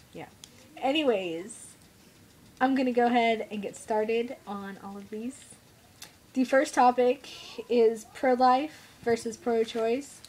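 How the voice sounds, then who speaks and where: A young mother vlogs in a slow, unhurried way, sharing strong opinions bluntly. She sounds stuffed up and nasal because she is unwell, and her voice sits a little high for a woman. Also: fairly even intonation, darkish tone. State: congested, feeling unwell. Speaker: mother vlogger. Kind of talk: casual opinion vlog.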